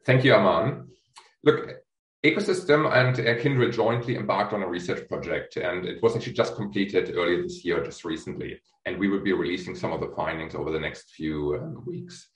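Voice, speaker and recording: In an echoey room, a man hosts a business interview; he is the chief executive of a research firm. His voice sits low and he speaks fairly quickly, asking long questions packed with fillers and restarts.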